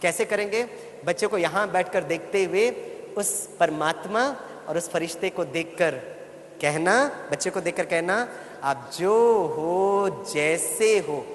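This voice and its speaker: A man's voice: high voice, moderate pace, a bit bright. A man giving a motivational spiritual talk to a live audience, telling stories and getting listeners to repeat lines after him. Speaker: spiritual speaker. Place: large hall with audience. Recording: echoey hall, faint background noise.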